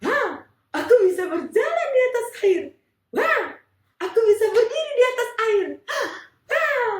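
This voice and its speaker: A woman's voice: very high-pitched, expressive, normal speed, pitched above the performer's own voice. A woman voicing an impulsive, awestruck male fisherman disciple, exclaiming breathlessly. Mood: amazed. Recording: echoey room, mic far off.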